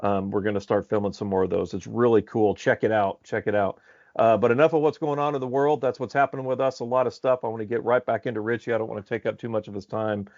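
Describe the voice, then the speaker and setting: A man with a lowish voice hosts a casual podcast, talking in an upbeat, rambling way full of fillers. The audio is dry and a little dull. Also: fairly even intonation, fast, darkish tone, dry recording. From Alaska. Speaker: podcast host.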